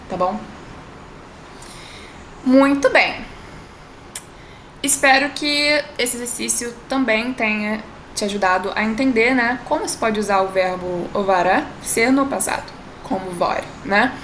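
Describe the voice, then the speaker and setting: Bright-voiced woman teaching in an echoey room. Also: fairly high pitch. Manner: chatty, drawn-out model phrases, frequent tag questions. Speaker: language teacher. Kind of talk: online language lesson. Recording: echoey room with faint noise.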